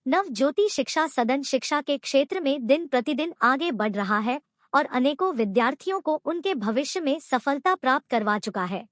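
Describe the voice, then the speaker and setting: A woman's voice: high-pitched, no echo, clean studio sound. A woman giving a formal, scripted news voice-over, reading out long lists of names. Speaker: voice-over narrator.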